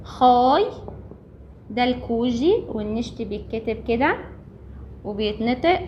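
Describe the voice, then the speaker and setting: A woman's voice: on the high side, animated, a little slow, a little hiss or hum. A woman with an Egyptian Arabic accent, teaching a recorded language lesson and patiently repeating each point step by step. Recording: dull lo-fi recording.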